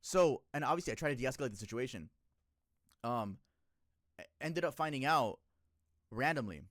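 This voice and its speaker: A young man in his twenties talks to his stream chat in a lively, swooping voice, bursting loud and then dropping to a mutter. His talk is casual and full of swearing. The sound is close and dry, with no room around it. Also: normal speed, no room sound. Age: 20s. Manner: animated, emotional, profane, swings between loud outbursts and low muttering. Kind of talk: casual livestream storytelling to chat.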